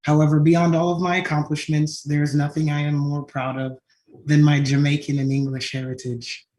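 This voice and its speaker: Presenting his company at a design conference, this tech founder speaks at normal speed in a voice on the high side, flat and darkish. A questioning "right?" often caps his points, and the room adds echo to the talk.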